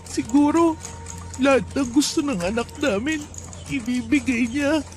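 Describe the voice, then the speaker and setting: A man's voice: very high voice, measured pace, soft background music, voice pushed up. A man voicing a young pregnant widow who speaks in a tearful, pleading way.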